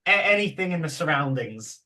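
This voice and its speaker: A man's voice: fairly high pitch, very animated, brisk, pushed and bright. A man hosting a casual podcast, laughing, swearing and rambling as he chats with his guests. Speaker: podcast host.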